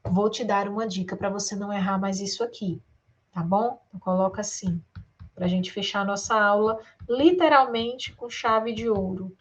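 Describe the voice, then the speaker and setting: A woman's voice: medium pitch, steady tone, normal speed, breathy edge. A woman with a Brazilian accent teaching an exam-prep grammar lesson, stretching words out syllable by syllable and talking straight to her students with rhetorical questions. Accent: Brazilian Portuguese. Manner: addresses students directly, asks rhetorical questions.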